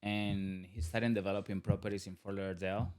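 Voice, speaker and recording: This podcast guest is a thirtysomething business owner from Colombia, a native Spanish speaker with a Colombian accent, who talks casually, rambles, restarts, and laughs a lot. He speaks a little fast in a fairly low, flat voice that's clear, resonant, and slightly mellow.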